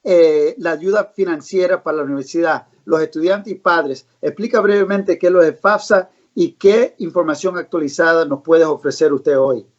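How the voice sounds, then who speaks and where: A woman's voice: fairly low pitch, normal speed, few pauses, a little mellow. Chatty woman host on a muffled stream. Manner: upbeat, chatty. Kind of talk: live online interview. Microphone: video call. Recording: dull lo-fi live-stream audio.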